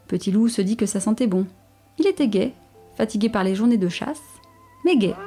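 A woman reading a children's story aloud in a gentle, expressive way. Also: mid-range voice, slightly rough. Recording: soft music underneath.

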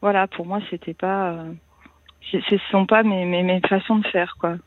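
Woman radio caller on a thin phone line, halting and emotional, dry sound. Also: mid-range voice, fairly even intonation, dry recording. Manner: hesitant, halting, many restarts.

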